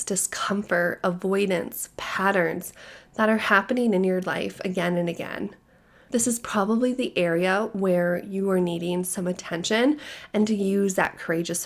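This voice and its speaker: A woman podcast host, hoarse while recovering from a cold, calmly sharing a gentle, spiritual guidance monologue. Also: mid-range voice. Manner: calm, soothing, measured delivery.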